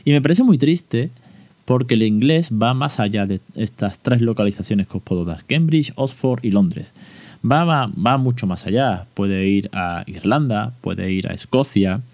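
Man, podcast host, low mellow voice, ironic and chatty, close dry mic. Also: animated, a little slow, no echo. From Spain. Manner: ironic, chatty, many fillers. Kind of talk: casual solo podcast talk.

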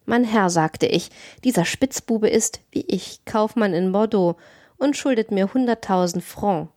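A woman voicing a cynical, menacing male criminal in a calm, domineering audiobook reading. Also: medium pitch, unhurried, no room sound, clean studio sound, close to an everyday voice. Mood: smooth. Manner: cold, domineering.

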